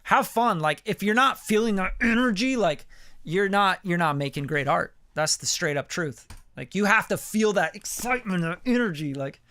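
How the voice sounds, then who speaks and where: Man, late 30s, high voice, dry close sound, animated, swearing, casual song review. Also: moderate pace, no echo. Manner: animated, profane, peppered with "like" and "you know". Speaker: music producer reviewing listener songs. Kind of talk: casual live song critique.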